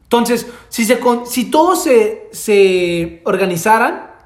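Excitable Mexican man in an echoey room. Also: high voice, slow pace. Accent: Mexican Spanish. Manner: excitable, swears freely, thinks aloud with repetitions. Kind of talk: casual conversation. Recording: roomy echo.

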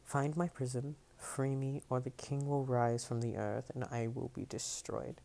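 A man's voice: mid-range voice, level tone, a little slow, gravelly, mellow. A man reading as a stern, ominous imprisoned goddess.

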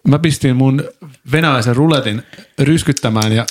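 A man's voice: mid-range voice, soft background music. A man co-hosting a casual podcast chat, making dry teasing asides. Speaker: podcast co-host.

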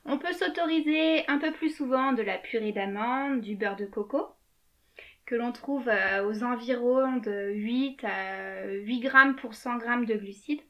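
A woman's voice: fairly high pitch, measured pace, dull audio. A woman co-hosting a podcast, explaining things casually with frequent hesitations. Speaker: podcast co-host.

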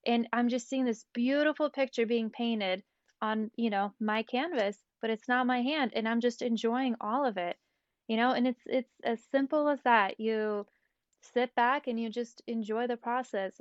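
Lively woman chatting, slightly muffled. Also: on the high side, no echo. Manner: animated, rambling, many fillers. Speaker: podcast guest. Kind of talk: casual faith chat.

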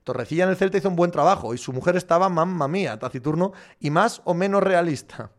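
Sardonic man, higher-pitched voice. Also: lively intonation, quick pace. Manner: sardonic, reads out viewer messages and answers bluntly. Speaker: host answering viewer questions. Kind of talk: casual chat.

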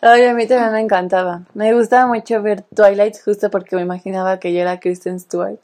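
A woman's voice: medium pitch, steady tone, brisk, darkish tone. A young woman with a Mexican Spanish accent, chatting casually in a playful, teasing way. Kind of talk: casual chat.

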